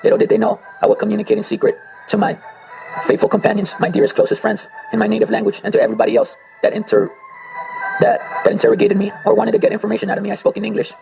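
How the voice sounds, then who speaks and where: A man from a Spanish-speaking home, Spanish his first language, freestyles an abstract spoken word monologue, rambling and talking to himself. His voice is high and very fast, with vocal fry and a darkish tone. The low-quality recording has faint circus music behind him.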